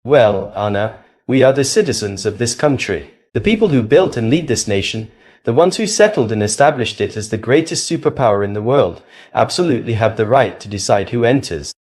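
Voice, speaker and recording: A man's voice: medium pitch, expressive, brisk, darkish tone. Opinionated man reading scripted commentary. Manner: opinionated, declamatory. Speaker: commentary narrator.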